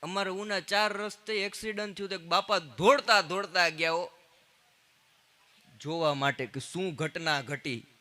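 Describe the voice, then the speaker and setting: Male stand-up comic, high and very bright voice, punchy storytelling on stage. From Gujarat, India. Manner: punchline jokes with quick quoted exchanges. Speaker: stand-up comedian. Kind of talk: live Gujarati stand-up storytelling.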